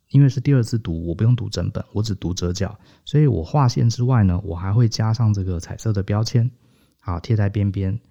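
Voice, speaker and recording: Gravelly deep-voiced man explaining. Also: dark tone. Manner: patient step-by-step explaining, peppered with "hao" and "ha". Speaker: podcast co-host. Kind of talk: casual explanatory podcast talk. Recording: dull lo-fi podcast audio.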